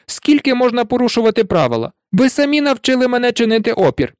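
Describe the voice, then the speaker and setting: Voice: mid-range voice, big pitch swings, fairly quick, darkish tone, dry recording, clean studio sound, voice pushed up, natural voice. A reader voicing a nervous but stubborn schoolboy who speaks in strained, defiant outbursts. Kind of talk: audiobook character voice.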